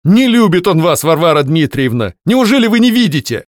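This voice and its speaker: Man playing a jealous clerk, gruff and curt, growls his lines, dry close sound. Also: mid-range voice, lively intonation, takes it slowly, darkish tone, dry recording. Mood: angry outburst. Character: brooding, jealous male clerk, harsh.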